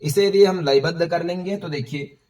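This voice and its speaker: A man teaching how to recite Sanskrit verses, explaining hard words and chanting them slowly, syllable by syllable, at a whiteboard. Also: on the high side, darkish tone, distant mic. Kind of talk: step-by-step recitation lesson.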